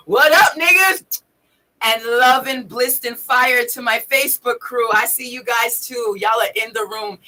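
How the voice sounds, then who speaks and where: A woman hosts a spiritual livestream with a breathy, husky edge over a bright, forceful tone. She preaches in an emphatic, profane way. Her voice drops to low mutters and climbs to high shouts. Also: poor audio. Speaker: livestream host.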